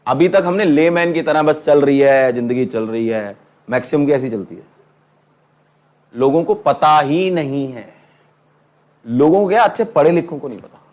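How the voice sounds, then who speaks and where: A middle-aged man teaching law to a class, lively and teasing, calling his students "beta" and asking them questions. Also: fairly high pitch, normal speed, pauses often. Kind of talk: classroom lecture.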